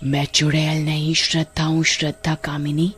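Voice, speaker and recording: Woman voicing a low, menacing ghost witch. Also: completely flat delivery, normal speed, breathy edge, full character voice. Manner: low, quiet, threatening. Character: vengeful female ghost witch, protective and menacing.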